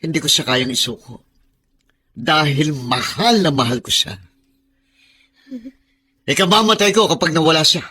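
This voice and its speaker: A man's voice: a little high, animated, moderate pace, long pauses, sharp tone, slightly rough, full character voice. A possessive, domineering man. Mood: possessive, scolding. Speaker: radio drama actor. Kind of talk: Filipino radio drama acting.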